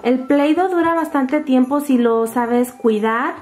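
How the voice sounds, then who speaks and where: A Latin American woman with a Spanish accent and a high, sing-song voice hosts toy unboxing and craft narration for children. She sounds bright and excited, talks a little slowly, and uses diminutives for her little audience over background music.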